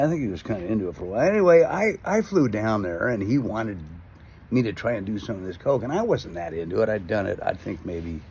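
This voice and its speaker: A man telling a comic story in a rambling way, with many fillers and restarts, jumping to loud, high quoted outbursts. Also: creaky, husky. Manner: rambling, self-interrupting with fillers, acting out quotes with loud jumps in pitch.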